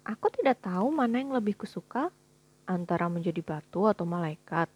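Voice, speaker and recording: In a storybook reading, a woman voices a curious, blunt young girl who asks eager, bright questions in a breathy voice. Her pitch is medium, her delivery animated and a little fast.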